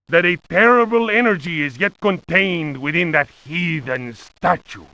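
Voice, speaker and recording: A man's voice: high voice, sharp tone, no echo, heavily acted, poor audio. A man playing a pompous, horrified Spanish lieutenant narrating a journal in a horror game, with hammy, overwrought bad acting. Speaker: narrator reading old books in a video game.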